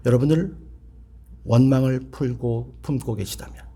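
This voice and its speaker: A man's voice: mid-range voice, moderate pace, mellow, breathy edge. A middle-aged male pastor preaching a revival sermon in a church, telling a story earnestly and acting out the dialogue.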